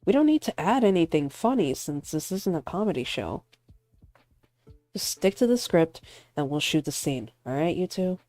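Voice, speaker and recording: A woman's voice: fairly low pitch, very animated, normal speed, dark tone, no room sound, faint music behind. A woman voicing an exasperated male film director who firmly scolds his actors. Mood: stern. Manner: firm, scolding.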